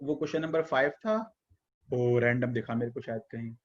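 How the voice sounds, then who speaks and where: A man's voice: mid-range voice, normal speed, dull audio. A male teacher running an online class, patiently calling on students by name and coaxing answers out of them.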